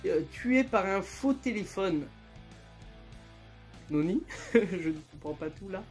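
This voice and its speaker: A man's voice: sits high, expressive, slow. Slangy joking young guy, faint music. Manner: slangy, joking, laughs often; jumps to loud squeals of outrage. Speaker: YouTuber. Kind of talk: casual comedic storytelling and reading aloud.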